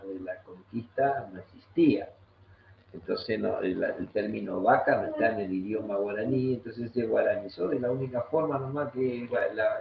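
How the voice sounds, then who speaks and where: Patient, low-voiced Argentine man teaching. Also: vocal fry. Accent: Argentine Spanish. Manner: patient, didactic, repeats key words rhythmically. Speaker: guest teacher of Guaraní language and culture. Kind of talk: explanatory talk in an online discussion. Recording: echoey muffled room with faint noise.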